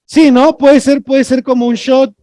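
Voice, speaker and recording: A man's voice: very high-pitched, flat delivery, unhurried, dark tone. A man giving a workshop lecture as a sign language trainer, chatty and joking, often checking in with "ok?" and "no?". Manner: chatty, checks in with tag questions, jokes with the audience.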